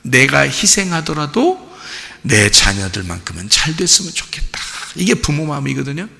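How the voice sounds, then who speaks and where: A man preaching as pastor, animated and playful, acting out quotes and joking with the congregation. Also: fairly high pitch, moderate pace, gravelly, long reverb tail. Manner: animated, acts out quotes with jokes. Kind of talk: sermon.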